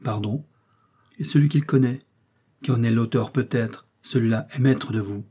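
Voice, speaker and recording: A man's voice: mid-range voice, normal speed, warm tone, breathy edge, lightly acted. A man voicing a jealous, furious young woman who hisses her threats in an audiobook. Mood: spiteful. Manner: hissing, spiteful, menacing. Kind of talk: audiobook character reading.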